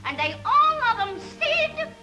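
A woman's voice: extremely high pitch, big pitch swings, a little slow. A woman performing a saucy music hall comic song in a mock-genteel manner, half-sung and half-spoken, heard from an early 1930s talkie film soundtrack with music behind her. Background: music accompaniment.

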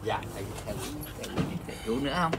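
A man's voice: mid-range voice, animated, fast. A man, chatting casually in a fussing, urging way. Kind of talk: casual chat. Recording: noisy background.

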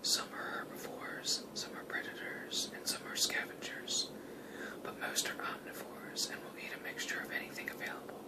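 A person whispering a scripted nature lesson in a hushed, wildlife-watching ASMR manner. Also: moderate pace, low-quality recording. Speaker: nature video narrator.

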